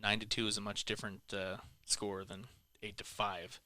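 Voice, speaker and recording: Lowish-voiced guy calling a pool match, chatty, laughs a lot. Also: little pitch movement, normal speed, sharp tone, no echo. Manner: chatty, laughs often, talks in bursts. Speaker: pool commentator. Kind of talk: casual sports commentary.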